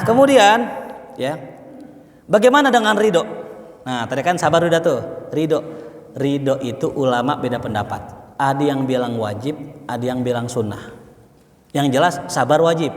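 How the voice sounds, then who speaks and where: A man's voice: on the high side, lively intonation, normal speed, long pauses. A man preaching a humorous sermon, acting out little dialogues and quizzing the audience. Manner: jokey, acts out little dialogues, asks the audience questions. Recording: echoey hall, distant mic.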